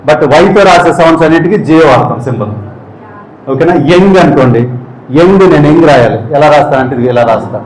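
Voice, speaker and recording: A man's voice: fairly high pitch, expressive, fast, darkish tone. Man, phonetics teacher, quizzes listeners, repeats sounds, echoey room. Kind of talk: spoken English phonetics lesson.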